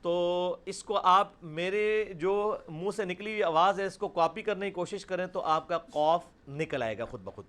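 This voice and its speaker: Middle-aged male teacher, high voice, Punjabi-accented Urdu, drills sounds loudly and calls on students by name. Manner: demonstrates sounds by repeating them loudly and slowly, then calls on students by name. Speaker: Quran recitation teacher. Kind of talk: live class teaching Arabic pronunciation.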